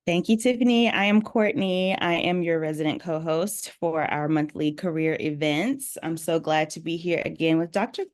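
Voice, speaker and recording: A woman co-host with a somewhat low voice introduces herself on a video call. She sounds upbeat and keen to help anyone who reaches out. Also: normal speed, hardly any pauses. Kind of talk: webinar hosting.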